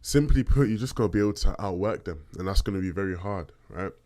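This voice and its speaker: A man with a deep bass voice hosting a podcast, casually answering listener questions and often checking in conversationally as he talks. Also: quick pace, a little mellow. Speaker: podcast host.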